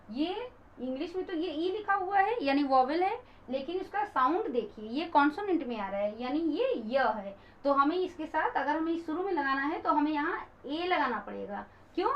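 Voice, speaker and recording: A woman teacher patiently explaining grammar to viewers, calling them friends and switching into English example sentences. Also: high-pitched. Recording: dull lo-fi recording.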